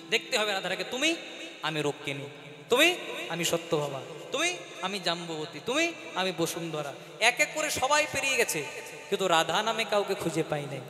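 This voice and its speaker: A man's voice: sits high, bright, forceful tone. A man giving a devotional kirtan sermon, telling a story with rhetorical questions and chanted verses. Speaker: kirtan singer and preacher. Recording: reverberant hall with backing music.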